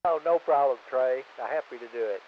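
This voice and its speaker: A man's voice: mid-range voice, brisk. A man running an amateur radio check-in, easygoing and thinking aloud over a two-way radio. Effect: two-way radio transmission. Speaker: amateur radio net control operator. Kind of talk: casual radio net check-in. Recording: muffled, hissy radio transmission.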